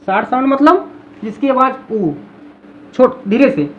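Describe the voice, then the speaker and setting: A woman with a high voice teaches in a patient classroom style. She repeats each example word slowly, drilling it. The recording sounds dull and lo-fi. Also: lively intonation.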